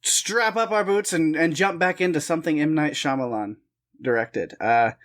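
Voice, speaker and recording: On a film podcast he co-hosts, this man speaks at normal speed in a high, fairly bright voice. His casual chat wanders, restarting frequently and breaking into little self-deprecating laughs.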